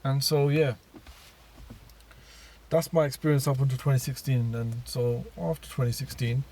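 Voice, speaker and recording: A man's voice: medium pitch, fairly even intonation, normal speed, warm tone. A man telling his personal story in a casual monologue, rambling with many fillers and restarts.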